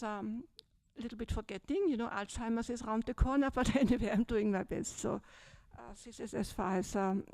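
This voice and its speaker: A woman's voice: fairly high pitch, vocal fry, darkish tone, no echo. An older woman from Austria with an Austrian German accent, a Buddhist nun telling her story in a chatty way at a retreat, often checking in with "yes?" and "yeah?". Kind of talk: retreat talk, personal story. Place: large dim hall, seated on a low stage. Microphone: handheld microphone.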